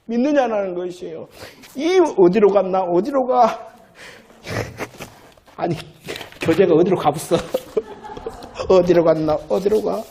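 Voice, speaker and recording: A man preaching as a pastor in a church, talking conversationally, then repeating phrases loudly for emphasis. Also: sits high, lively intonation, slow, creaky, long pauses. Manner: conversational preaching, swings from soft asides to loud emphatic repetition. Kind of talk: sermon.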